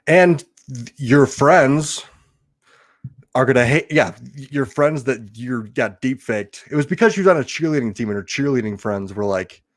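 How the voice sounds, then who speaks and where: A young man with a mid-pitched voice chats on a casual podcast, rambling through his ideas and laughing often. He talks in an animated, loose way among friends. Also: moderate pace. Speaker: podcast co-host. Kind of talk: casual comedic podcast chat.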